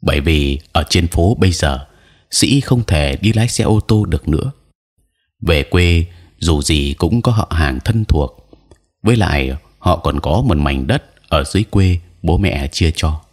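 A man narrating an audio story in a measured, even storytelling manner. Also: a bass voice.

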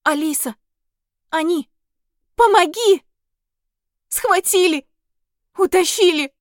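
A woman's voice: slow, no room sound, studio quality. Woman doing a sobbing panicked young fairy. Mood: frantic sobbing. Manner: high frantic pleading. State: crying.

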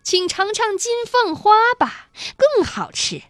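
A woman's voice: a little high, sing-song, measured pace, fairly bright tone, no room sound, clean studio sound, heavily acted. A woman voicing a flamboyant eccentric male candy maker, showy, exclaiming and coaxing, in a children's storybook reading.

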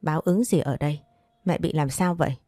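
A woman's voice: low voice, fairly quick, dark tone, no echo, studio quality, lightly acted. A woman reading the lines of a spoiled, resentful young woman in an audio story. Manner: sulky, resentful.

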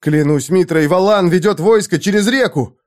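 A young squire shouts in a high, breathless, frantic voice, as a male reader acts him out. Every line comes out loud and urgent, like a storybook lookout calling a battle. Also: normal speed, natural voice. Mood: excited.

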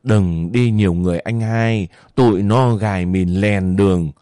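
A man voicing a sharp-tongued young village woman who scolds quickly and insistently. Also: on the low side, steady tone, no room sound, studio quality, lightly acted. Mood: urgent.

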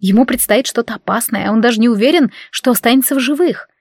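A woman reading a first-person romance audiobook in an emotive, measured way. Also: fairly high pitch, darkish tone, husky, dry recording, studio quality. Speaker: audiobook narrator.

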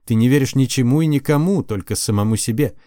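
A man reading an audiobook, voicing a stubborn, sharp-tongued young girl sorceress in a raised, teasing voice. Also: mid-range voice, fast, dry recording, studio quality, natural voice. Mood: earnest. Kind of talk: audiobook character voice.

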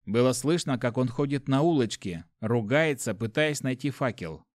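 A man reading a first-person adventure story aloud in a steady storytelling voice. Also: medium pitch, normal speed, no echo, studio quality. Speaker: audiobook narrator. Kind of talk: first-person fiction narration.

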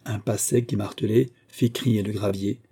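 A man reading a novel aloud in a measured, even narration. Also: on the low side, slightly rough. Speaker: audiobook reader.

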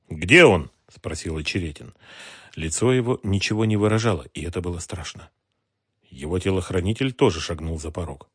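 Male audiobook narrator, low and animated, dry close mic. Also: breathy edge, no echo. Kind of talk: scripted narration.

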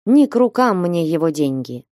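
A woman's voice: lowish voice, very animated, moderate pace, dark tone, no room sound, studio quality. A woman voicing a meek, timid young man who sighs and refuses in an audiobook. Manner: timid, sighing. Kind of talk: audiobook reading.

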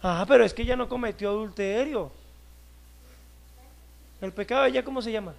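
A male pastor preaching a sermon, emphatic, stretching key words and swinging between loud and soft. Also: high voice, brisk, gravelly.

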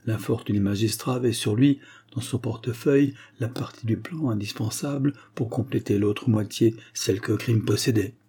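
A man narrating an audiobook thriller with steady, dramatic pacing. His voice is dark and mellow, with a husky grain. He sits at a middle pitch for a man. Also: moderate pace, hardly any pauses. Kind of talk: audiobook reading of a spy novel.

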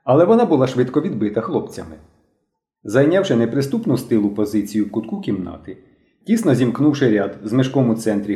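A man narrating a children's adventure novel as an audiobook, telling it expressively. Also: mid-range voice. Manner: expressive storytelling. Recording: roomy echo.

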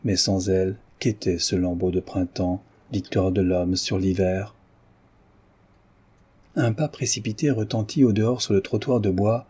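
Husky low-voiced male audiobook narrator. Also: fairly even intonation, a little slow, warm tone. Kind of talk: scripted narration of a novel.

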